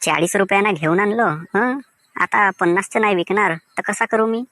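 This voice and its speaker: A man's voice: high-pitched, moderate pace, sharp tone, slight background noise. A man voicing a defensive, grumbling village mango seller with a Vidarbha Marathi accent. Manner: sing-song, defensive, grumbling. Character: cheerful singing village mango seller Diwakar.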